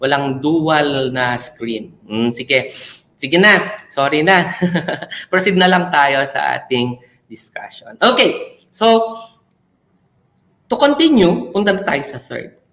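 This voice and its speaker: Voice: medium pitch, expressive, slow, a bit bright, reverberant, rough recording. A teacher giving an online class lecture in a chatty way, checking in with the learners often. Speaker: senior high school teacher.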